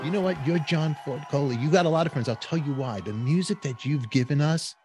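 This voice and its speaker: A man's voice: a little high, fairly quick, a little mellow, faint music behind. A man hosting a casual interview, enthusiastic and playful like a fan. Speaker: interview host.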